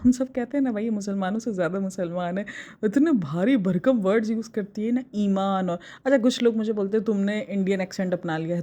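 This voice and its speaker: With a warm, mid-range voice, a Pakistani woman offers casual opinions on other vloggers. She argues forcefully and speaks straight back to her critics.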